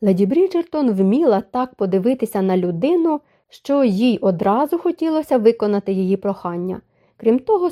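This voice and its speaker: A woman reading a novel aloud as an audiobook narrator, in a calm, even storytelling manner. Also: mid-range voice. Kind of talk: scripted narration.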